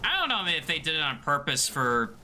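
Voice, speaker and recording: A man's voice: a little high, huge pitch swings, a little fast, background noise. A man giving casual, rambling live commentary on a video game run in a conversational way. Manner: conversational, rambling, frequent "you know". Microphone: headset.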